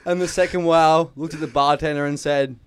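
A young Australian man tells jokes on a casual podcast in a smooth, clear voice. The sound is dry and close, his pitch slightly high for a man. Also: fairly even intonation, fairly quick, no echo. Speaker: podcast co-host. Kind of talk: casual comedy chat.

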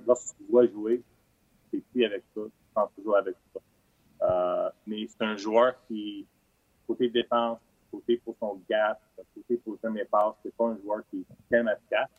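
A man with an accent of his own, a hockey analyst guest joining remotely, halting and repeating words. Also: on the low side, darkish tone, no room sound. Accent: French with a non-Québécois lilt. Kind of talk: remote interview. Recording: dull remote line.

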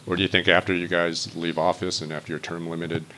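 A man, a host who narrates and asks interview questions in a measured, inquisitive way. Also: low voice, little pitch movement, noisy background.

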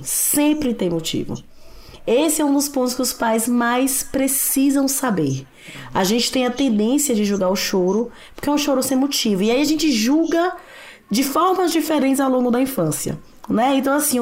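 A Brazilian woman guest with a slightly high voice explains things in a reflective, conversational way. She laughs easily and talks with warmth about everyday family life. Her Brazilian Portuguese accent is clear throughout. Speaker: guest expert, writer and psychoanalyst.

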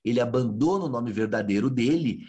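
Fast-talking man telling a story. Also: medium pitch, dull audio. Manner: animated storyteller acting out dialogue. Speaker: researcher. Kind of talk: interview storytelling.

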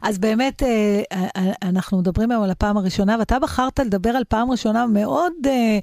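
Female interviewer, casual and conversational, mid-pitched with vocal fry, very dry studio sound. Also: darkish tone, no room sound. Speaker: radio host.

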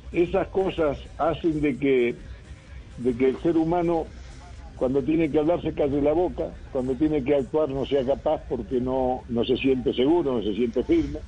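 A man's voice: mid-range voice, highs cut off. A man from Uruguay, a football coach talking in a radio interview, thoughtful and rambling with many fillers and restarts.

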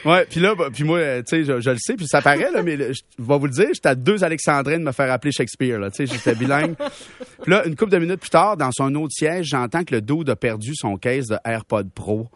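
A young man with a Québécois French accent, telling a comic story on a radio show with slangy, animated delivery and laughs at his own jokes. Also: mid-range voice, fast. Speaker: radio show humor columnist.

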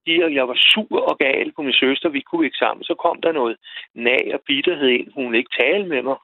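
A man calling in to a radio show, telling a personal story in a halting way, repeating words as he goes. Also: medium pitch, animated, gravelly, dry recording. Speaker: radio caller. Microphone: telephone. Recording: tinny phone line, dry.

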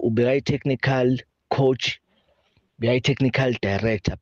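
A man's voice: mid-range voice, dry recording. A man with a South African accent giving a casual sports opinion as a radio caller, repeating words as he builds his sentences. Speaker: radio call-in listener. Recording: dull lo-fi call audio.

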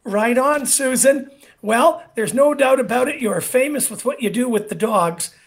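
A man's voice: very high-pitched, moderate pace, vocal fry. A man hosting a talk radio show, upbeat and folksy, from Canada. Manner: upbeat, folksy, reads sponsor lists.

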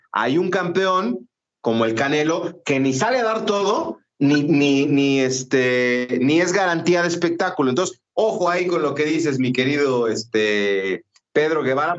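A man with a fairly high voice hosts a casual sports chat, rambling into anecdotes with many pauses and fillers. The recording sounds dull and lo-fi. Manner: chatty storyteller, many fillers. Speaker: boxing talk show host.

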